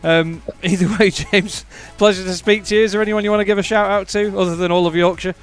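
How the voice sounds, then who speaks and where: A man's voice: high-pitched, fairly even intonation, fast talker, clear, resonant tone, faint music behind. A British man hosting a sim-racing broadcast, upbeat and cheeky, using lots of slang. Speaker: race commentator and host.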